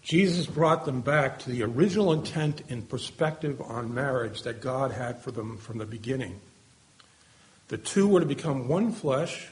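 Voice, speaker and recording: A man's voice: mid-range voice, a bit bright. A man preaching an earnest sermon, asking rhetorical questions and letting his voice fall at the ends of phrases.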